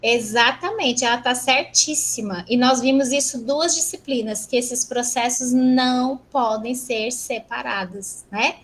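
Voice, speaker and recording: Brisk, teasing Brazilian woman lecturer. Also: a little high, a bit bright, slight background noise, rough recording. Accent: Brazilian Portuguese. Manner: brisk, teasing, rhetorical questions. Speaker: university lecturer. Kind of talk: online class lecture.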